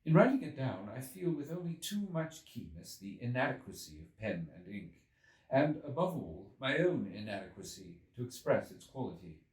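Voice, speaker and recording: A man narrates a literary story from a script as an audiobook reader, telling it in a dramatic, very animated way. His voice is medium-pitched at a normal speed, recorded far from the mic with a roomy echo.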